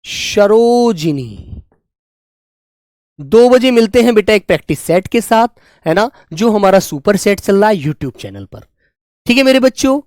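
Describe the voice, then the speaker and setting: A young man leads a live online Hindi spelling class. His voice sits high and light and sounds dry and close to the mic. He speaks to his students fondly, calling them his children, and drills each word with slow repetition. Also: big pitch swings, a little mellow, no room sound. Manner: affectionate, calls students "beta" and "my children"; repeats and drills words slowly. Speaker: Hindi teacher.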